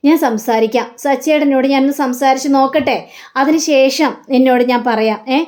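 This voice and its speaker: A woman voicing a calm young wife who reasons earnestly with her husband, in a serial retelling. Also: high-pitched, brisk, lightly acted.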